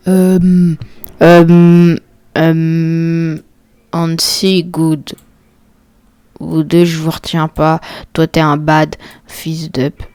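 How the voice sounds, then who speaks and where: Slow, offhand woman with a low voice. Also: warm tone. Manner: offhand, joking, muttering asides. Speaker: video creator ranking characters. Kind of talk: casual off-the-cuff commentary.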